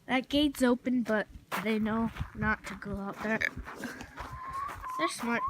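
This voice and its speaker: A woman's voice: a little high, slow, very noisy. A young woman vlogging as she collects eggs in a chicken coop, chatty and rambling, often correcting herself. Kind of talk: casual vlog narration. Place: chicken coop outdoors in the country.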